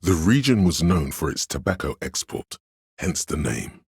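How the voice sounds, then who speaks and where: Here the game's erudite inner voice of encyclopedic knowledge is a male voice, extremely low, gravelly and a little mellow, with a breathy edge and a sing-song lilt. As a full character voice, he narrates lore in measured, learned, didactic fashion, reciting trivia like a pedant in scripted narration. The sound is dry, with no room sound.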